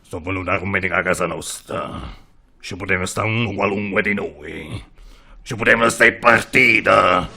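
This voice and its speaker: A man's voice: low-pitched, normal speed, creaky, pushed and bright, husky, heavily acted. A man with a Neapolitan accent voicing a threatening, blustering gang boss in a comic amateur cartoon dub. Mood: menacing.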